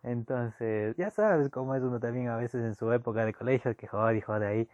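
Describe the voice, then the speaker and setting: A young man telling a personal anecdote casually, jumping between loud bursts and hushed asides. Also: mid-range voice, normal speed, no echo. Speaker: storyteller. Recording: dull lo-fi dry recording.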